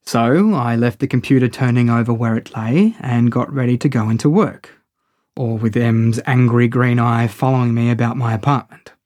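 A man's voice: medium pitch, darkish tone, dry recording, studio quality. A man narrating a first-person audio story in a wry, conversational way.

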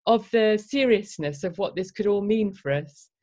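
A woman interviewer asking questions in a gentle, encouraging, conversational way. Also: medium pitch, animated, moderate pace.

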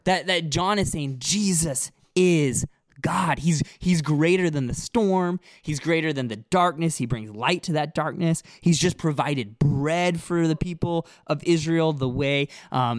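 This man has a fairly high voice with no echo as he co-hosts a casual Bible discussion podcast. He explains passages earnestly, often repeating words while he thinks.

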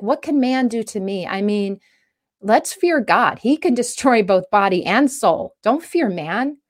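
A woman comedian speaking earnestly and urgently to her viewers about faith and freedom, with frequent restarts. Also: medium pitch. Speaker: comedian giving a faith message. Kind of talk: impassioned direct-to-camera talk.

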